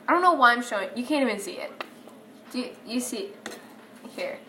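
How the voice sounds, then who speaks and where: A woman's voice: on the high side, animated, brisk, pushed and bright, slight background noise. A young woman vlogging in her home kitchen, chatty and self-mocking, talking straight to her viewers as she cooks. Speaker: cooking vlogger. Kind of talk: casual cooking vlog.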